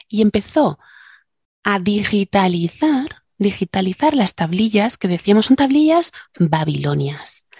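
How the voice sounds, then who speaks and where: A woman's voice: medium pitch, darkish tone, slightly rough, no room sound, studio quality. A woman co-hosting a casual science podcast, a linguist who chats, jokes and explains things with digressions. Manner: chatty, joking, explains with digressions.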